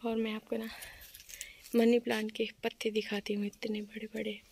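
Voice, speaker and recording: A young woman, talking slowly and softly in a casual vlog, tired and sleepy. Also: on the high side, flat delivery, creaky, slight background noise. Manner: soft-spoken, slow and subdued. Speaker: vlogger.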